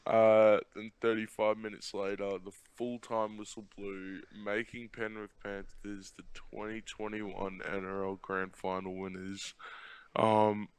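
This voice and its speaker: A man's voice: on the low side, level tone, measured pace, smooth, dry recording. A young male student with an Australian accent co-hosting a casual sports chat podcast. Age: teenager or young student. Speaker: podcast co-host.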